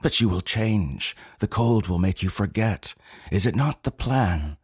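Man doing an anxious young she-alien, husky and pleading, a bit higher than his own voice. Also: animated, unhurried, a little mellow, dry recording, clean studio sound, full character voice. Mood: fearful pleading. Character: young female alien creature, fearful.

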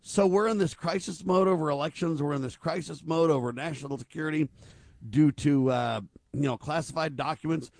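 A man's voice: fairly high pitch, fairly quick, vocal fry, a little mellow, no echo, clean studio sound. A man with an American accent hosting political talk radio, delivering emphatic, urgent and earnest commentary.

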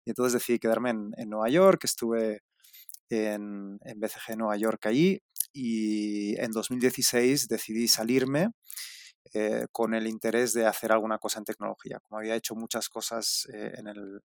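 A founder in his forties from Spain is the guest in a relaxed interview, and his Spanish accent has picked up some Mexican tones. He answers in a lowish voice at normal speed, with many fillers and restarts. The recording is dry, with clean studio sound.

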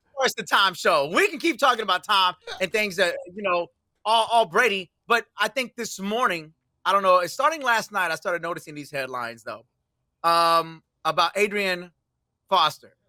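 A man's voice: sits high, lively intonation, normal speed, bright, forceful tone, no echo, studio quality. A man co-hosting a sports talk show, chatting loosely and steering the conversation to new topics.

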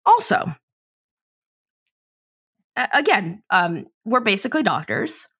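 A woman's voice: mid-range voice, takes it slowly, breathy edge. A woman co-hosting a podcast, chatting casually and swearing freely as she recaps an episode. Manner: animated, profane, laughs often. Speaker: podcast co-host.

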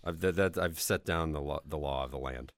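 A man's voice: very deep voice, brisk, no room sound, clean studio sound. A man with a nasal, stuffed-up voice from a cold, co-hosting a podcast in casual, joking chat about games. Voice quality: nasal, congested. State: under the weather with a cold, occasional cough. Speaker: podcast co-host.

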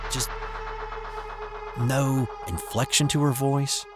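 An older man telling his own eerie childhood story in the first person, hesitant and hushed, with small restarts. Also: medium pitch, fairly even intonation, takes it slowly, over music. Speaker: narrator of a true eerie story.

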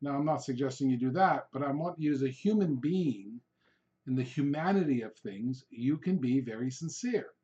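A native Hungarian speaker hosts an informal solo coaching podcast as a real estate sales coach, talking emphatically and ramblingly and repeating himself to drive points home. His voice is medium-pitched, warm and lively at a moderate pace, though the lo-fi recording sounds dull.

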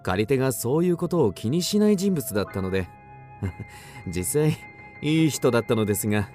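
Man acting an obsessed storyteller, suspenseful, animated, over music. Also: medium pitch, fairly quick, close to an everyday voice. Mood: ominous recounting. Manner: suspenseful, theatrical, with sudden swings. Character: obsessed, agitated man recounting an eerie mystery. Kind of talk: dramatic first-person radio drama narration.

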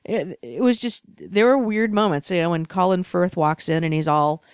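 A speaker from Boston rambles through thoughts on a movie in a relaxed podcast chat, with plenty of hedges and laughter. The voice is smooth and clear. It is recorded dry and close. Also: medium pitch, moderate pace, dry recording. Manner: rambling, hedging, laughs often. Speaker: podcast co-host. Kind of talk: casual movie review chat.

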